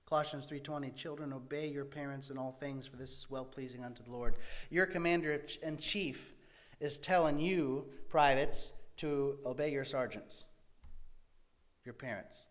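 A man preaching a sermon to young people, speaking emphatically with swings between loud and hushed delivery. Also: mid-range voice, normal speed.

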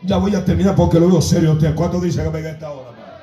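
A man with a high, mellow voice preaches a fiery sermon in an echoey church, shouting and half-singing his lines as he calls the congregation to answer back. Faint music plays behind him. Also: very fast, recorded from a distance, lo-fi sound. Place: church sanctuary.

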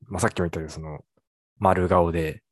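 A man's voice: low voice, steady tone, fast, no echo, studio quality. A young man in casual conversation, rambling and hesitant, trailing off with fillers as he talks. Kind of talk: casual chat.

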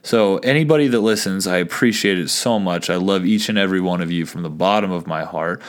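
A young man hosting his own small podcast, talking casually and excitedly, rambling with restarts and asides to listeners. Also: sits low, fairly quick. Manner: rambling and excitable, many restarts and "you guys". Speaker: podcast host. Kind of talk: casual solo podcast talk.

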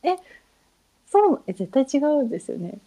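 A woman's voice: high-pitched, sing-song, moderate pace, mellow, low-quality recording. A woman from Kyushu, a guest in a casual chat, speaking politely and hesitantly with many fillers. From Kyushu, outside Hakata.

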